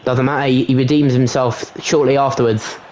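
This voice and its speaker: A young gaming channel host casually commentates his own football video game match in a medium-pitched, fairly quick voice. He's chatty and pokes fun at himself, getting excited whenever a goal goes in.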